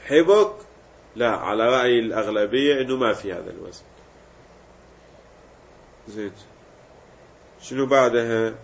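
A man's voice: medium pitch, moderate pace, creaky, long pauses, highs cut off. A man teaching a grammar lesson, explaining step by step and repeating word forms aloud. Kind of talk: classroom lesson.

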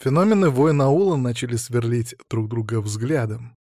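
A man reads the story in the first person, even and a little ironic, at a middle pitch. The recording is close and dry, with no room around the voice. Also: moderate pace, dry recording. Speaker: audiobook narrator. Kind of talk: first-person scripted narration.

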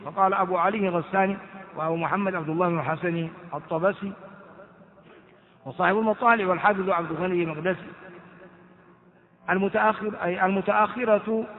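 A man teaching a hadith lesson in a classroom style. He explains grammar and word forms, spells out the vowels and repeats words to drive them home. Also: high voice. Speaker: Islamic scholar teaching hadith commentary. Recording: tinny phone-like, long hall echo.

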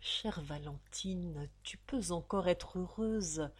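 A woman's voice: a little high, animated, measured pace, a little mellow, breathy edge, voice pushed up. A woman voicing a scheming, persuasive nobleman. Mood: tender. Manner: urgent, insistent pleading.

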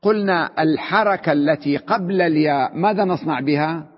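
A man teaching a grammar lesson, who poses questions to his class, answers them himself and repeats each word slowly. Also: a little high. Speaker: sheikh teaching Arabic grammar. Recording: dull lo-fi recording with long reverb in a hall.

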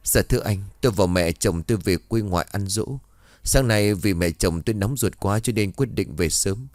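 A man's voice: normal speed, a little mellow, no room sound, natural voice. A man voicing a grieving young widow who pleads tearfully. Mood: tearful, anxious. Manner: pleading, tearful, high-pitched when wailing. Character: grieving young widowed woman, anxious daughter-in-law.

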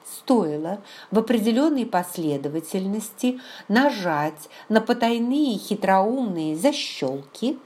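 A woman narrating a novel in the first person, with a measured, expressive reading. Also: fairly low pitch. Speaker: audiobook narrator. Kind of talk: scripted literary narration.

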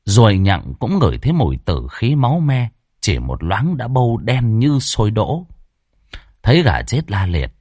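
A man narrating a ghost story in a dramatic, expressive style. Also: on the low side, moderate pace, dry recording, studio quality. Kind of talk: scripted horror narration.

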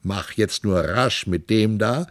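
A man's voice: lowish voice, slow, no room sound, clean studio sound. A man doing a jovial boozy husband. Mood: jovial teasing.

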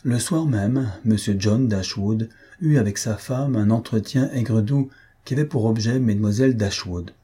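A man narrates a classic novel at a measured, even pace. His voice is low, mellow and husky, with a breathy grain. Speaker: audiobook narrator.

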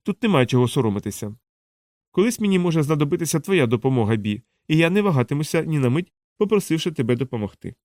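Male reader as a gentle doctor, slightly raised, steady, dry close sound. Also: fairly high pitch, quick pace, no echo, pitched above the performer's own voice. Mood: reassuring.

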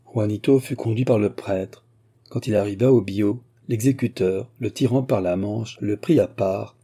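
A man narrating a classic novel as an audiobook, in a measured, deliberate reading style. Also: mid-range voice, warm tone, husky.

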